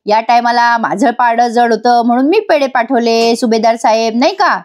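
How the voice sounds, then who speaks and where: A woman's voice: a little high, moderate pace, a little mellow. A woman from Maharashtra giving a chatty voice-over recap of a TV serial episode and speaking directly to her viewers. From Maharashtra, India.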